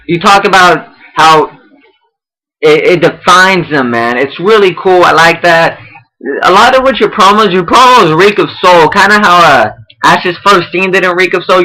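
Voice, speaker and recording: Young man, bright voice, rambling casual feedback host, swears a lot. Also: high-pitched, lively intonation, measured pace, poor audio. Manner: rambling, profane, many restarts and fillers. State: out of breath. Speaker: online wrestling roleplay host giving feedback.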